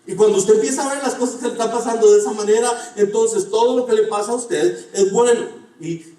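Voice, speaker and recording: A man's voice: sits high, dark tone. A middle-aged man preaching a sermon, earnest, telling stories and asking the congregation questions. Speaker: pastor. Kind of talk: sermon with personal storytelling. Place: church sanctuary. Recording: echoey church hall from far off.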